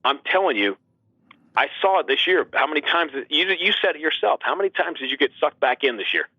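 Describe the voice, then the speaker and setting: Over a dull line that sounds like radio, a male sports announcer argues basketball with animated emphasis and plenty of rhetorical questions. His voice is a little high, husky and fairly quick, and the recording is dry.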